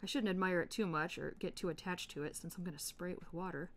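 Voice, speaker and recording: A woman in her thirties hosting an art tutorial, chatting in a relaxed way while she colors, with soft murmured asides. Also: lowish voice, fast. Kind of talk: casual chat while coloring.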